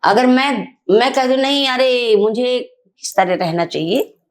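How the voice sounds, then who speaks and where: A woman's voice: on the high side, a little slow. Older woman activist, fired up, acting out who said what. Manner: animated, indignant retelling with quoted dialogue. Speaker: activist guest. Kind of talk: storytelling in an interview.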